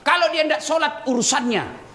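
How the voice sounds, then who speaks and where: A man preaching a lively, humorous sermon to a crowd, teasing his listeners directly and swinging between loud scolding and low confiding asides. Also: brisk, roomy sound, a little hiss or hum.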